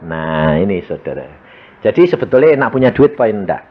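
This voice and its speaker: A man preaching a sermon with a Javanese accent, animated and joking, tossing rhetorical questions at the congregation. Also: on the low side, brisk, husky, muffled recording. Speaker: evangelist preacher.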